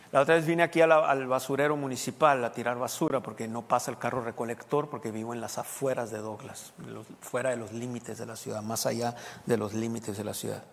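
A man's voice: mid-range voice, gravelly. A male pastor preaching a sermon as a personal story, talking conversationally and asking his congregation questions. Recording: long hall reverb.

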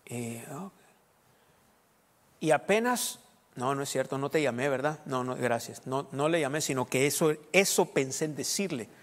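A man with a Sonoran Mexican accent, a pastor preaching a sermon with lively asides and jokes to his congregation. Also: medium pitch, moderate pace, big-room sound. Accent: Sonoran Mexican Spanish. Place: church.

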